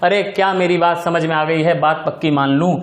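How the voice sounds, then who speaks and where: A man's voice: on the high side, fairly even intonation, fairly quick, echoey room. A man teaching a physics class in mixed with terms, repeating key steps and checking often whether his students follow. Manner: affectionate address to students. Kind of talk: recorded classroom lecture.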